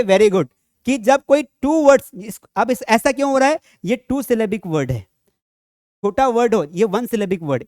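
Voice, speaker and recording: A man's voice: sits high, no room sound. Chatty male teacher, dry close sound. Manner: lively, asks students rhetorical questions, jokey asides. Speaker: grammar teacher. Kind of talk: classroom lecture.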